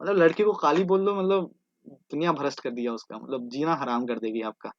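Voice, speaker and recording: A man's voice: fairly high pitch, steady tone, a little fast, no room sound, lo-fi sound. A man teaching an online exam-prep class, drilling terms by repetition and joking between them. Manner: repeats terms in chanted drills, jokey asides.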